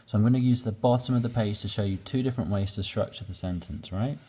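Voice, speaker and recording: A man teaching English, slowly explaining sentence patterns and repeating examples with patience. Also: lowish voice, dark tone, husky. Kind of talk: slow explanatory lesson.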